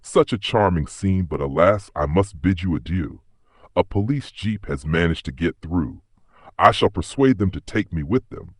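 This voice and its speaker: A man plays a flamboyant older gentleman, sly and theatrical, with a conspiratorial lilt. The low, husky voice swings widely in pitch. It is an audiobook mystery. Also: expressive, moderate pace, no echo, studio quality, heavily acted.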